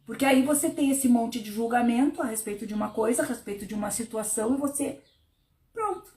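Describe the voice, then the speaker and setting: A woman therapist, hosting a relaxed spiritual talk on a live stream. Her voice sits high, and she talks with lively swings, dropping to a low murmur when she plays out her own inner thoughts. The sound has a noticeable echo from the room. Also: fairly quick.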